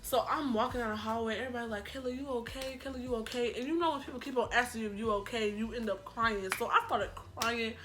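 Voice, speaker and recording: A young woman vlogger tells a personal story in a casual, slangy, dramatic way. She talks quickly with few pauses, her voice on the high side and her retelling animated.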